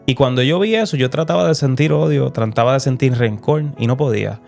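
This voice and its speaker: A man's voice: medium pitch, brisk, gravelly, darkish tone. A young man shares his personal faith testimony as a guest, telling it earnestly and emotionally and often repeating phrases. Faint music sits under his voice. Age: young adult. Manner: earnest, emotional storytelling with repetitions.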